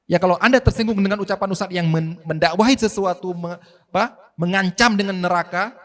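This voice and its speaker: A man preaching a sermon at a mosque study gathering, telling stories lively and acting out the people in them. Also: sits high, brisk. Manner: animated storytelling, voices the people in his anecdotes, addresses listeners as "Pak".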